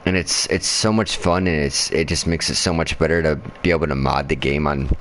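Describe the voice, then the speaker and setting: A man's voice: a bass voice, fairly even intonation, a bit bright, a little hiss or hum. A tired man chatting casually over his gameplay after a night shift, rambling, swearing a lot and stumbling over his words. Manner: rambling and profane, with frequent pauses and restarts. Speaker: gamer streaming his own play.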